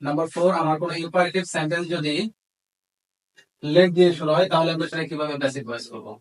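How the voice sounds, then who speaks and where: In a rough recording, a male teacher with a Bangladeshi accent talks fast in a fairly high, fairly even voice. He gives a grammar lesson, explaining in Bengali while carefully dictating English examples one word at a time.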